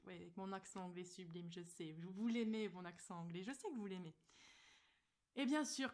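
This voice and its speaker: Playful teasing woman vlogger. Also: medium pitch. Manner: playful, teasing, laughs often. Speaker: video host. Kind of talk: casual vlog chat.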